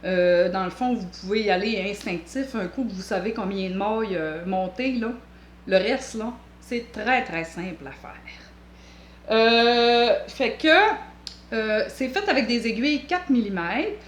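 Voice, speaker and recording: A woman's voice: mid-range voice, measured pace, roomy sound, a little hiss or hum. Playful Québécois woman knitting host. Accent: Québécois French. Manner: rambling and playful, jokey asides. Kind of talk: casual knitting chat.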